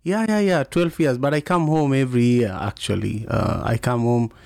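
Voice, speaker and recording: A man with a strong Kenyan accent hosts a conversational podcast. He grew up speaking Luo and Kiswahili, and his voice sits at a middle pitch in a dry, close recording. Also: moderate pace, creaky, a little mellow, dry recording. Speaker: podcast host. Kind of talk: casual conversational interview.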